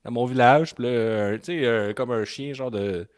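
A man with a Québécois accent co-hosting a casual podcast, telling rambling stories quickly and swearing in local slang. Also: mid-range voice, dry recording, clean studio sound. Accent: Québécois French. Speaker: podcast co-host.

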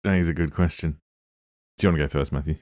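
A man's voice: extremely low pitch, steady tone, fast talker, darkish tone, no echo, clean studio sound. A man in his thirties with an Essex accent, chatting casually and jokily as a podcast co-host. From Essex, England. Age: 30s. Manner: jokey, chatty. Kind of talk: casual chat.

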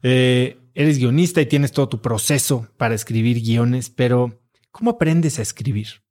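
A man interviewing a guest, asking calm, prompting questions. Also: mid-range voice, moderate pace.

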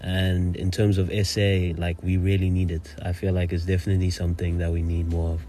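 A man's voice: deep voice, monotone, fairly quick, warm tone, slight background noise. A man with a South African accent giving his opinions in casual podcast discussion. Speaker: podcast panelist.

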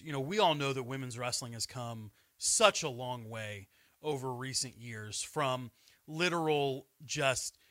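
A man's voice: medium pitch, pushed and bright, no echo, studio quality. A man co-hosting a wrestling podcast, speaking with eager enthusiasm and frequent restarts. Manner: enthusiastic, hesitant restarts, earnest. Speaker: podcast co-host. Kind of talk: casual wrestling recap chat.

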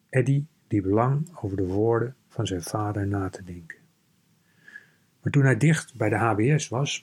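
A man reads a children's novel aloud in a steady, measured way. His voice is husky and a little breathy, and it sits at an ordinary pitch for a man. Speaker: audiobook reader.

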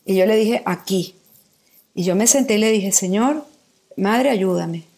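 A middle-aged woman from Mexico speaks as a guest in a conversation. She tells her personal story candidly and vividly, with feeling. Her voice sits in an ordinary middle pitch. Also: steady tone, normal speed, mellow. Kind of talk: personal testimony in a podcast conversation.

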